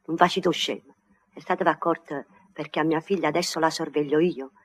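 A woman's voice: deep voice, steady tone, normal speed, breathy edge. An actress playing a fierce, protective Neapolitan mother and wife in a 1950s radio play, scolding and insistent with a Neapolitan accent.

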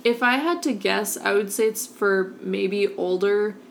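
Chatty young woman with a gravelly edge. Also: mid-range voice, a little slow, slight background noise. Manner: chatty, many fillers of like and um. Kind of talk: casual chat about a cartoon.

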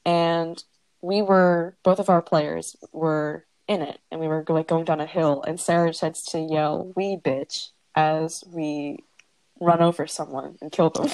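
Low-voiced teen girl, dry close mic. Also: little pitch movement, measured pace, darkish tone, clean tone, no room sound, rough recording. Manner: explains inside jokes, dry teasing. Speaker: podcast co-host. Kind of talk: casual chat. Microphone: headphone mic.

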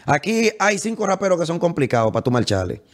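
Young man, Dominican accent, animated and boastful, slightly high-pitched, casual interview chat. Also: quick pace. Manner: animated, boastful, talks over the host. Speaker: interview guest, musician.

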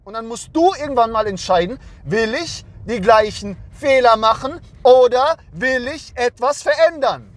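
A man's voice: very high-pitched, animated, moderate pace, hardly any pauses. A man in his twenties, a dating coach ranting bluntly to camera and scolding his viewers.

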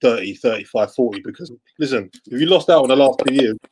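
A young man with a London roadman accent hosts a casual group chat. His voice is mid-pitched and slightly husky. He talks in an animated, slangy way, bantering as he presents. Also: fast talker. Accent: London, urban roadman slang. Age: young adult. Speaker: podcast host. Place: indoors at home, on a laptop video call.

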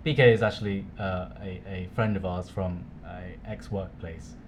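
A man's voice: low voice, fairly even intonation, normal speed, a little hiss or hum. A man from the UK co-hosting a casual podcast, chatty and hesitant with many fillers. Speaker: co-host.

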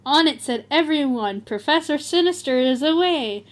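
A woman's voice: high voice, animated, moderate pace. A woman reading a fan story aloud for comedy, with theatrical emphasis and frequent laughter. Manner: reads aloud theatrically, often breaking into laughter.

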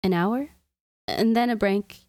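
A woman reading aloud gives voice to a jittery, lovesick man who speaks in a hushed, hesitant way. The voice stays mid-pitched and dry, in a close storybook reading. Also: takes it slowly, no echo, natural voice. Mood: nervous. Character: nervous, lovesick adult man.

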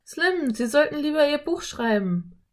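A woman voicing a brave, excitable young girl in an audiobook. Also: high-pitched, measured pace, pitched above the performer's own voice. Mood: eager. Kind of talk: audiobook character voice.

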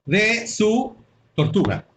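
Animated high-pitched Mexican man. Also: takes it slowly, a little hiss or hum. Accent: Mexican Spanish. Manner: animated, laughs often, reads aloud with playful voices. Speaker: podcast host reading listener stories. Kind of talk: casual comedic chat.

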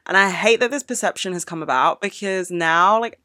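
Brisk, pushed, and bright, a young woman's lowish voice tears through an unscripted solo podcast rant packed with emotion and swearing. It's recorded dry on a podcast microphone.

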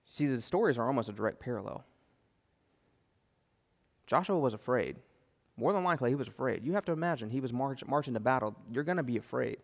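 Guy pastor preaching, earnest n gentle, mid voice, long church reverb. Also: mid-range voice, gravelly. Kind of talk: sermon. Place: church sanctuary.

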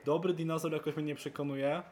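A young man co-hosting a podcast in casual chat, excitable and swearing freely, his voice jumping up for emphasis. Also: fairly high pitch, brisk, a little hiss or hum. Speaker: podcast co-host.

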